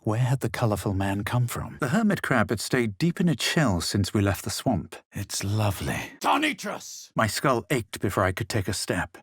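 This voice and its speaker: A self-assured young male adventurer from a fantasy role-playing game speaks in a husky, lowish, sing-song voice at a moderate pace, barely pausing, in an intense incantation. The recording is very dry with no room sound, and his dramatic, superior manner suits both literary narration and sharp exclamations.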